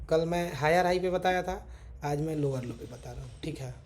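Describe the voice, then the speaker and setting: A man's voice: fairly high pitch, moderate pace. A man teaching chart reading, walking through examples step by step and saying "theek hai" again and again. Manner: repeats "theek hai" constantly, talks while drawing on charts. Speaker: trading teacher. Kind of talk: casual screen-share chart lesson. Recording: faint background noise.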